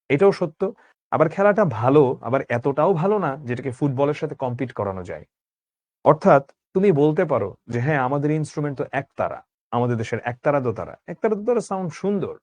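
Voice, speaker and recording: A man's voice: fairly high pitch, a little mellow, no echo. Man teaching an online class. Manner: explains text line by line, asks students questions.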